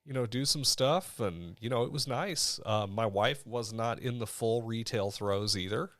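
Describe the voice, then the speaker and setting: A man in his thirties co-hosting a podcast, chatting in a relaxed, rambling way with lots of fillers. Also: mid-range voice, normal speed, no echo, studio quality. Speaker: podcast co-host. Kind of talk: casual chat.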